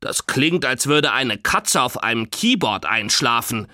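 A man's voice: medium pitch, very animated, unhurried, sharp tone, no echo, studio quality, full character voice. A man doing a passionate old grandpa.

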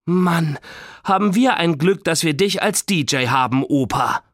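A man's voice: lively intonation, a little slow, fairly bright tone, dry recording, studio quality. A man doing a whiny cheeky young girl. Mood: pleading.

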